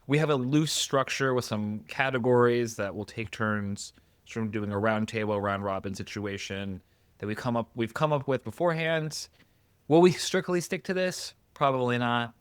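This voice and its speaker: A man's voice: medium pitch, clean tone, dry recording. A man hosting a podcast, chatting casually with jokes and rambling asides on a close mic. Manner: joking, rambling, trailing off into asides. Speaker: podcast host. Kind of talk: casual chat.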